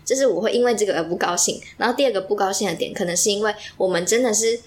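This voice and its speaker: A young woman, chatting casually and telling animated stories full of fillers. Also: medium pitch, racing. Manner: animated storyteller, heavy use of fillers. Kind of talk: casual chat.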